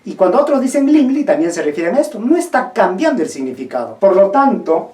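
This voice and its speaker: Lively woman teaching from off-mic in an echoey room. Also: lowish voice, distant mic. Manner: asks the viewer questions, models pronunciations. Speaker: teacher of Quechua linguistics. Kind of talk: explanatory video lesson. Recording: roomy echo, voice from off-mic.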